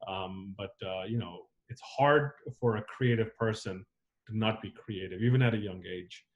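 In a casual interview, a filmmaker guest in his thirties, born in Zambia and raised on the US East Coast, talks reflectively with many fillers and restarts. His voice is on the low side at a normal speed, and the sound is lo-fi.

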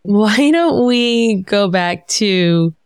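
A woman's voice: mid-range voice, lively intonation, drawn-out words, darkish tone, clean tone, dry recording, clean studio sound. A woman hosting a podcast interview, effusive and full of enthusiastic praise for her guest. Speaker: podcast host. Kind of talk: casual interview talk.

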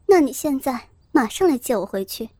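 A woman's voice: high voice, sing-song, fairly quick, dark tone, slightly rough, no room sound, full character voice. A woman voicing a proud young woman who speaks coldly and with scorn. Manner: cold and scornful.

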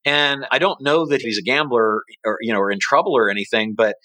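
Recorded dry, this middle-aged podcast co-host talks fairly fast with a medium-pitched voice that sounds pushed and bright. His casual business talk rambles, and he keeps correcting himself and starting sentences over.

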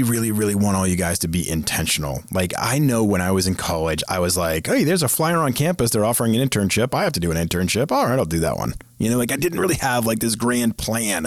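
Fast-talking deep-voiced podcast host man. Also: no echo, clean studio sound. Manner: fast-talking, casual and chatty. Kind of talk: career advice podcast monologue.

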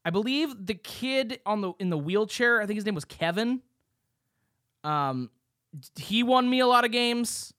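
A young man co-hosting a casual podcast chat, excited and rambling, swearing freely as he reminisces. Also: high voice, a little slow, no echo, clean studio sound. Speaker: podcast co-host.

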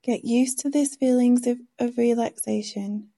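A woman leading a guided meditation in a soft, soothing, hushed manner, giving gentle instructions. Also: on the high side, steady tone, creaky. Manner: slow, gentle instructions with pauses.

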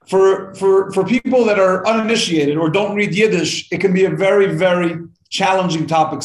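A man with a fairly high voice leads a live-streamed Torah class. He talks in a chatty, upbeat way, like a teacher warming up his regular students. The room gives his voice a noticeable echo. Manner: chatty, upbeat teacher greeting viewers by name.

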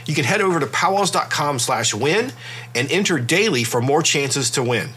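A middle-aged man hosting a podcast in a relaxed, conversational way, his voice congested and stuffy from a cold. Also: fairly high pitch, moderate pace, husky. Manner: relaxed, conversational, with fillers and restarts. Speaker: podcast host. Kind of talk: casual podcast talk.

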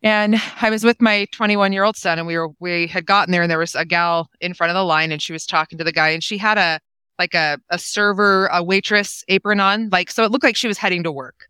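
A woman in her forties tells a heartfelt story in a bright, crisp voice. She acts out each person's lines as she goes. The sound is dry and close. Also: lowish voice, steady tone, brisk, no echo. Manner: emotional, acts out quoted dialogue. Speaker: guest, nonprofit co-founder. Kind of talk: casual conversational storytelling.

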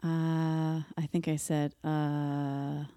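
Low, mellow-voiced woman on a podcast. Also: level tone, extremely slow, clear, resonant tone, no room sound. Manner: dry, playful, hesitant. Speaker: co-host, stay-at-home mom. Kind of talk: casual home podcast chat. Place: living room floor at home.

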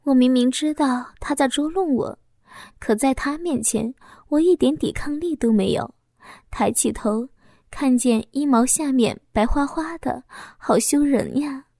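A woman narrating a first-person audio story in a soft, intimate reading voice, sometimes dropping to a whisper. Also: high-pitched, unhurried, no room sound, studio quality.

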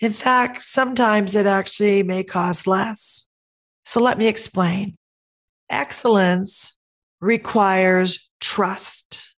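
A middle-aged woman hosting a podcast, speaking in an earnest, teaching tone with a voice hoarse from a cold. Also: mid-range voice, steady tone, slow. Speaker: podcast host. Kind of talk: podcast monologue.

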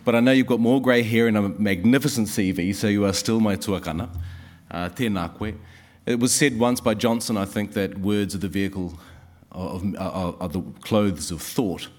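Deep-voiced New Zealand man, halting speechmaker. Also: a little mellow. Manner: halting, repeats words for emphasis, mixes in Māori phrases. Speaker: speaker giving closing thanks at a writers' festival. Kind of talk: informal oratory, speech of thanks.

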